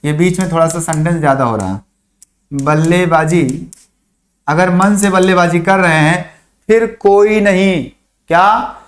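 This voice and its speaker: A man with a fairly high voice leads a chemistry class, drilling memory sentences for the periodic table. He repeats each phrase slowly for dictation and keeps asking and answering his own questions in a classroom manner. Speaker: chemistry teacher. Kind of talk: online classroom lesson.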